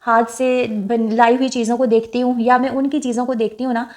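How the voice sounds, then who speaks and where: Young woman vlogger, slightly high voice, casual chatty narration, reflective and wistful. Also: flat delivery, a little fast. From Pakistan. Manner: chatty, reflective, with frequent fillers; speaks softly and wistfully about her late mother.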